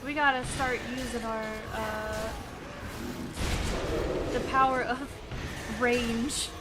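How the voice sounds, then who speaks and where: Slow-talking giggly woman streamer. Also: a little high, steady tone. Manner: chatty, giggly, talks to game characters. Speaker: game streamer. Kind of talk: casual gameplay commentary. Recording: game sound noise behind.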